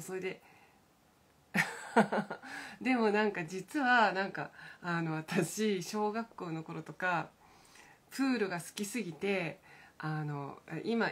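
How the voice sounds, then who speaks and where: Middle-aged woman, low husky voice, rambling morning-stream host, lots of hesitation and gentle self-amusement. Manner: meandering, full of hesitations and soft self-amused asides. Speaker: pianist hosting a morning live stream. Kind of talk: casual rambling chat.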